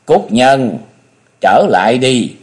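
A man's voice: mid-range voice, expressive, slow pace. A man voicing a stern, commanding old matriarch of the martial world in a storybook reading. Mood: grave. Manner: commanding, wrathful.

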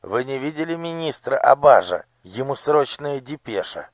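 A man's voice: animated, moderate pace, no echo. Man doing a quavering old ceremony master. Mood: blustering. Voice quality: quavering, shrill when angry. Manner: querulous, blustering, shouting orders. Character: fussy forgetful old male palace ceremony master. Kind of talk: audiobook character voice.

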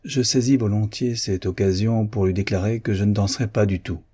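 A man's voice: lowish voice, steady tone, a little fast, warm tone, breathy edge. A man reading a proud young woman's lines in a period novel, speaking firmly and coolly, with dignity. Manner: firm, cool, dignified.

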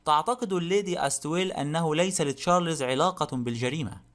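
A polite, fastidious detective, as an audiobook reader puts him on, calm and measured. The voice is a man's, a little high-pitched. He speaks with unhurried courtesy. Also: natural voice. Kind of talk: audiobook character reading.

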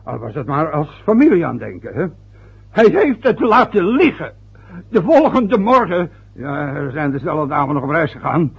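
Giving a full character voice, an actor with a higher, creaky, breathy voice and big pitch swings speaks at normal speed as a newly married son's father in a vintage radio play. Stubborn and wounded, the older man grumbles and lectures in an aggrieved, rambling way with hesitations, heard through a dull, lo-fi old radio recording.

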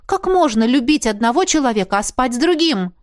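An indignant young female mage student snaps back sharply, her voice lifting high, as a woman reads her. The audiobook sound is close and dry. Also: lively intonation, brisk, dry recording.

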